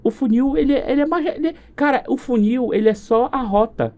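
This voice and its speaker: A man with a Brazilian accent, a marketing specialist chatting casually on a podcast, animated and acting out quoted exchanges. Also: very high-pitched, brisk. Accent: Brazilian Portuguese.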